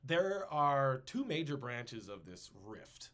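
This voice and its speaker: A man's voice: mid-range voice, slow. A man hosting a casual history podcast, joking around and slipping into silly voices. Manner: animated, jokey, puts on silly voices. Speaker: podcast host.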